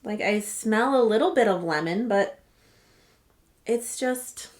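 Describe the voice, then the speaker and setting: A woman's voice: medium pitch, expressive, takes it slowly. A woman beauty vlogger casually walking through her chosen products, chatty and often correcting herself mid-sentence. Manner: chatty, self-correcting, rambling asides.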